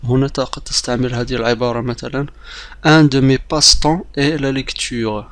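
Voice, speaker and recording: A man teaching a beginner language lesson, explaining briskly with some hesitations and repeating example phrases slowly like drills. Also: mid-range voice, fairly even intonation, fairly bright tone, a little hiss or hum.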